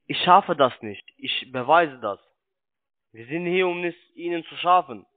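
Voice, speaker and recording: This time the high-voiced salesman sounds expressive, still pressing his unscripted pitch in halting, insistent speech with broken grammar. He isn't a native German speaker, and the telephone audio is tinny and narrowband.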